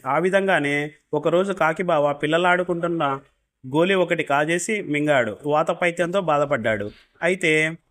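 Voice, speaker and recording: A man telling a folk story as scripted narration, steady and plain. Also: a little high.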